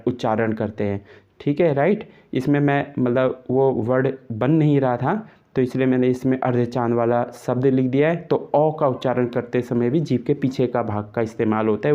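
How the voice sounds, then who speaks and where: A man's voice: medium pitch, dark tone, highs cut off. A man teaching a Hindi grammar lesson for exam preparation, explaining step by step, sounding out the example vowels and often tagging "right" in English.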